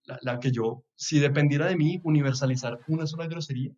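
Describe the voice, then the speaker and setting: A man's voice: a little high, brisk, highs cut off, a little hiss or hum. A young man from Bogotá with a Bogotá Colombian accent, a podcast guest chatting in a reflective way and chuckling now and then. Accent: Bogotá Colombian Spanish. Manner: reflective, chuckles often, trails off with soft asides. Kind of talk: casual chat.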